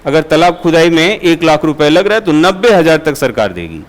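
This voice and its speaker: Guy teaching a class, bit high voice, keeps asking the room stuff, uses everyday examples. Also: expressive, fairly quick. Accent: Hindi. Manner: asks students questions and answers them. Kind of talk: classroom lecture.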